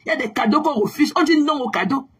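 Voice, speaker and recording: A woman ranting angrily on her own livestream, taunting viewers with repeated mocking questions and bursts of shouting. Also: high voice, fast. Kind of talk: angry livestream rant at viewers.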